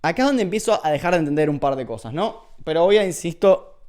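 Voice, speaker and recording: A man's voice: a little high, expressive, fast, a little mellow. A man with a Rioplatense Spanish accent, explaining philosophy in a loose, chatty lecture full of fillers and self-corrections. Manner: paraphrases texts in colloquial dialogue. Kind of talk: casual lecture video.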